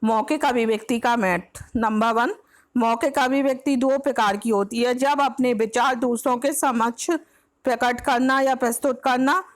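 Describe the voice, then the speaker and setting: Woman tutor, fairly high voice, exam-prep lecture that reads each point then restates it plainly, English words dropped in. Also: steady tone, normal speed. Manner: mixes English words into the explanation. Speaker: teacher.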